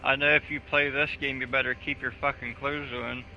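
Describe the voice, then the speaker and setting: Brisk and level in tone, a medium-pitched male voice banters casually with a friend during a video game stream, swearing a lot and cracking jokes in a relaxed way. Game music sits beneath slightly dull audio.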